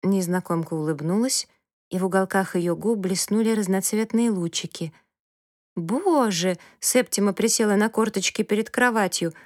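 A woman narrating a children's storybook in a calm, even way. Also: medium pitch, fairly quick, no echo, studio quality. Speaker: audiobook narrator.

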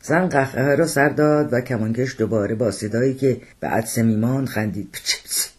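A man narrates his own novel in an audiobook, telling the story at a steady, measured pace. His voice is husky and sits at a middle pitch.

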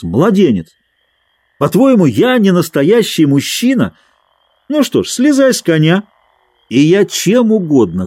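An adult man voicing a boastful, quick-tempered teenage boy squire in a storybook reading. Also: high-pitched, dark tone, dry recording, pitched above the performer's own voice.

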